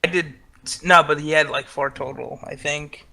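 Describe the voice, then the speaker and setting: A man's voice: fairly high pitch, steady tone, normal speed, vocal fry, pushed and bright. A man playing a tabletop role-playing game, making joking, whiny complaints. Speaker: player. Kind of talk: casual tabletop role-play chat.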